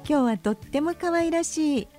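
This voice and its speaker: A woman hosting and narrating a children's story in a gentle, expressive reading voice on a close mic. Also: high-pitched, normal speed, faint music behind. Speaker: host and narrator.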